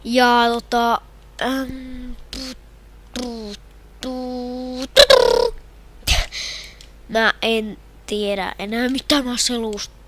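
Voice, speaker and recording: A young woman with a Finnish accent commenting on her own hockey video game match, shouting and groaning at the plays. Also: fairly high pitch, level tone, long pauses, background noise. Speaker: gamer. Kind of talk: gameplay commentary.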